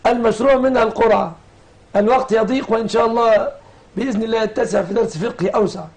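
A man hosting a religious lesson on air, leading the discussion and questioning his guest and callers briskly. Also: sits high, steady tone, darkish tone. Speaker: host and religious teacher.

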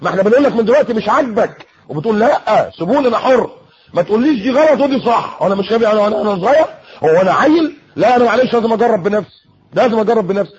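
A man's voice: sits high, expressive, very fast, slightly rough, muffled recording, pitched above the performer's own voice, heavily acted. A man voicing a defiant, brash teenage boy with an Egyptian accent. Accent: Egyptian Arabic. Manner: brash, dismissive.

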